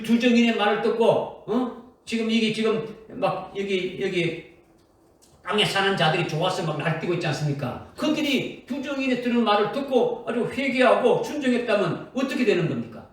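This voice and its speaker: A man preaching a sermon in a church sanctuary, his voice high and swinging widely up and down. He keeps quizzing the congregation and checking they follow. He is heard from a distance, with heavy echo from the hall. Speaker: pastor. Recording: echoey, from far off in a church hall.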